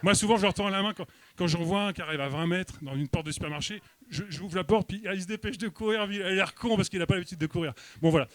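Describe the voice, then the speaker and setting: Deadpan French man doing stand-up. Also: high-pitched, quick pace. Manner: deadpan, mock-serious delivery with hesitations. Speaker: stand-up comedian. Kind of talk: stand-up comedy set. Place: comedy club stage.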